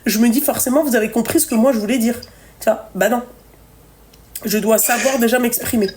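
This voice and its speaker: A woman talks on her live stream in casual, unscripted chat. Her voice sits a little high, and she hands out blunt advice with plenty of swearing and hesitant fillers. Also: steady tone, fairly quick, a little mellow. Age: 30s.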